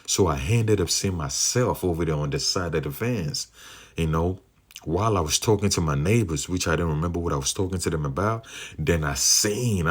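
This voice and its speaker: A man with a super deep, low voice shares the visions he has seen in dreams as a believer, in a rambling personal testimony. He is earnest and drawn out, speaking slowly and filling his talk with "you know" and other fillers.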